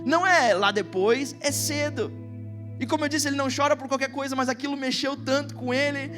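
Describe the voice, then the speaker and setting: A middle-aged man with a Brazilian Portuguese accent preaching a sermon, telling a personal story and reading Scripture slowly and with emphasis. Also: very high-pitched, over music. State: emotional. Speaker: pastor. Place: church stage.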